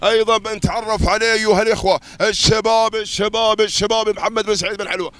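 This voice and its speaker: A man with an Emirati Arabic accent giving live camel race commentary in a rapid, chanting delivery that repeats its phrases. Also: high-pitched, fairly even intonation, fairly bright tone, clean tone, dry recording.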